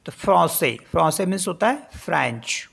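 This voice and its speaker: A woman teaching a French pronunciation lesson in Hindi mixed with English, spelling each word letter by letter and repeating it slowly. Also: lowish voice, lively intonation, creaky, husky. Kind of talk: spoken language lesson.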